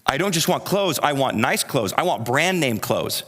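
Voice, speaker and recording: A man's voice: medium pitch, expressive, moderate pace, a bit bright. A man preaching a sermon as pastor, in an earnest, conversational way that builds through repeated phrases. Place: church sanctuary. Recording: reverberant church hall.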